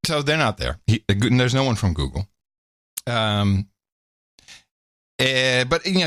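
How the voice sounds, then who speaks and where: A man co-hosts a podcast in casual, sarcastic commentary, often slipping into mocking voices. His pitch swings widely. The sound is dry and close, with no room in it. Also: dry recording. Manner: animated, sarcastic, jumps into mock voices. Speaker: podcast co-host.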